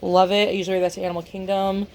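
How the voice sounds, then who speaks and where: A woman's voice: mid-range voice, flat delivery, rapid-fire, slight background noise. A congested woman talking casually to her vlog camera, rambling with dry sarcastic asides. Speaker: vlogger.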